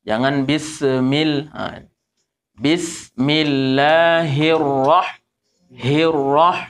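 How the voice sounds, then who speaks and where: A man teaching correct pronunciation of Quran verses, slowly drawing out and repeating letter sounds as he demonstrates. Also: fairly high pitch, a bit bright, clear, resonant tone.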